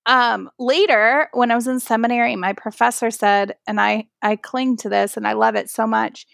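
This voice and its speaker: A woman's voice: on the high side, moderate pace, creaky, no echo, studio quality. A woman, a pastor, talking animatedly with lots of "like" fillers in a podcast interview. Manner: animated storytelling, frequent "like" fillers. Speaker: pastor and guest.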